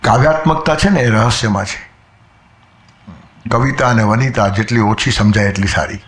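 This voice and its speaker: A man's voice: fairly low pitch, moderate pace, reverberant. A man giving a spiritual discourse, telling stories, quoting verses and acting out voices. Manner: storytelling, quotes verses, acts out voices. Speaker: spiritual speaker.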